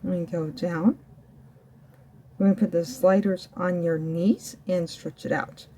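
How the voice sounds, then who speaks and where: A woman's voice: fairly low pitch, fairly even intonation, measured pace, warm tone, slight background noise. A woman working as a fitness instructor, coaching a home ab workout while demonstrating the floor exercises herself. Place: indoors at home.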